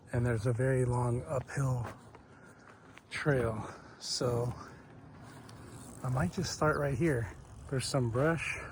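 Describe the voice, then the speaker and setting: A man in his thirties talking casually to the camera while fishing at a lake, relaxed and thinking out loud. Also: medium pitch. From California. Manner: relaxed, thinking aloud, chuckles. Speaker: fishing vlogger. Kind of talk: casual vlog narration. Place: outdoors at a lakeshore. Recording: faint outdoor noise.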